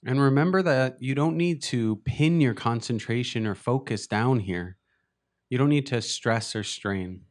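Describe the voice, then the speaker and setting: A meditation teacher guides a session in a mid-range voice, speaking gently and without hurry in short phrases separated by long pauses.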